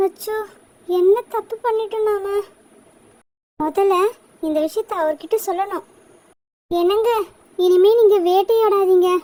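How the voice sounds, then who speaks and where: Brief: woman doing a soft-hearted cartoon wife, high voice, earnest and pleading. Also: measured pace, long pauses. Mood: gentle pleading. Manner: gentle, pleading. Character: kind caring adult woman, hunter's wife.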